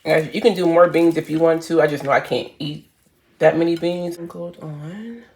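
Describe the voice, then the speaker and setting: A woman's voice: low voice, moderate pace, a little mellow, husky. Chatty woman vlogging from her kitchen. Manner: chatty, loose and informal, talks straight to viewers. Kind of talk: casual how-to vlog chat. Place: home kitchen.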